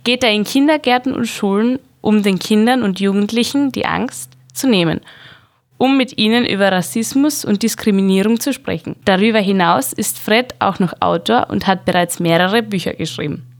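A woman's voice: mid-range voice, moderate pace. A woman interviewer introducing her guest and asking questions in a polite, formal way.

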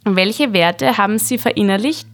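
A woman's voice: medium pitch, moderate pace. A woman interviewer introducing her guest and asking questions in a polite, formal way.

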